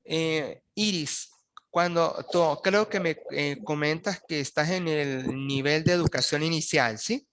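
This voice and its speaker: This university lecturer's fairly high, slightly bright voice comes through a video call with a little background noise as he teaches online postgraduates at a measured pace. He speaks hesitantly, restarting words and regularly asking "¿sí?".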